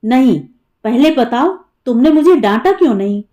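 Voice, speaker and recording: A woman's voice: sits high, lively intonation, moderate pace, mellow, highs cut off. A woman voicing an earnest, playful young man who pleads with his mother in an audiobook story. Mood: pleading. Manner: eager, then pleading.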